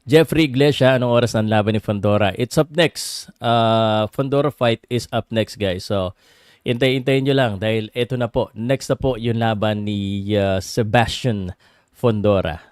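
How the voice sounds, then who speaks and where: Man, Filipino accent, clean resonant voice, dry close sound, casual livestream host, halting, code-switching. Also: lowish voice, clear, resonant tone, no echo. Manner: switches between English and Tagalog. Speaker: livestream host and boxing commentator. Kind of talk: casual livestream chat with viewers.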